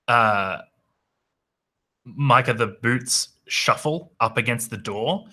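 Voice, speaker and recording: A man running a tabletop game over a voice call, enthusiastic and halting, with lots of fillers. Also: medium pitch, bright, forceful tone. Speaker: game master.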